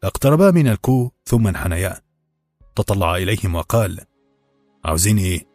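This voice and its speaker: A man reading a novel aloud with steady, measured storytelling. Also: on the low side, no room sound, clean studio sound, faint music behind. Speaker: audiobook narrator. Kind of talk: scripted novel narration.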